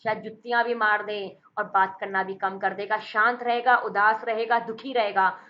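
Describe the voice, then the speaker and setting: A woman's voice: mid-range voice, fairly even intonation, normal speed, muffled recording. A woman teaching vocabulary for exam prep, with playful memory tricks and jokes, calling her students beta and bhai.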